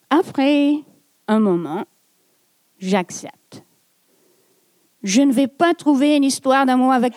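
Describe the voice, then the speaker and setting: A woman from Montreal tells a personal story live in a theatre, taking her time with every phrase. Her voice sits fairly high and her delivery is dry and self-mocking. The sound is close and dry, with very little room echo. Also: darkish tone. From Montreal, Quebec. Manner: slow, deliberate, self-mocking. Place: theatre stage.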